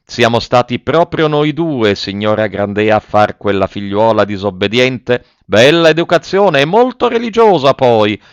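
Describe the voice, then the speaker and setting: A man reading aloud voices a furious old miser who shouts and bullies his household, his voice pitched well above his own. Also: moderate pace, smooth, no room sound, natural voice. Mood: raging. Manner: shouting, blustering, bullying. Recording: dull dry lo-fi recording.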